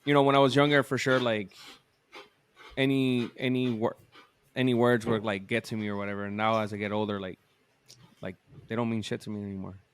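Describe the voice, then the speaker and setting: A man co-hosting a casual podcast, speaking in a halting, reflective way. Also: fairly low pitch, level tone, clear, resonant tone. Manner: halting, reflective, many fillers and restarts. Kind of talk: casual chat.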